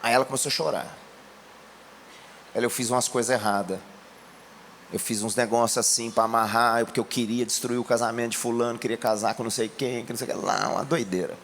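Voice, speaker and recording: A Brazilian man preaching a sermon, telling a testimony in a colloquial way and rising to shouts. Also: mid-range voice, fairly even intonation, fast talker, vocal fry, slight background noise. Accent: Brazilian Portuguese. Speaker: pastor.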